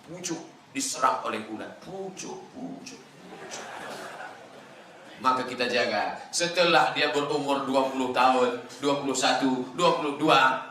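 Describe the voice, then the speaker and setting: A male preacher delivers a sermon, swinging from loud, emphatic bursts to soft asides. His voice is bright and tense. It echoes through a roomy hall with faint background noise. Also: medium pitch, normal speed. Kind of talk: Islamic sermon to a congregation.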